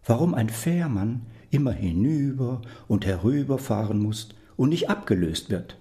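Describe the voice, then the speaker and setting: A man voicing an earnest young man in a storybook reading, speaking in a measured way. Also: medium pitch, lively intonation, mellow, close to an everyday voice.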